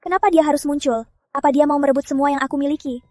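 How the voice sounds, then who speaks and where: High, dry-voiced woman playing a spoiled schemer, defensive and stammering, over faint music. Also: steady tone, very fast, a little mellow, no room sound, close to an everyday voice. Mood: bitter. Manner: defensive, stammering when cornered. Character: spoiled scheming young woman, adopted daughter. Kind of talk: dubbed drama acting.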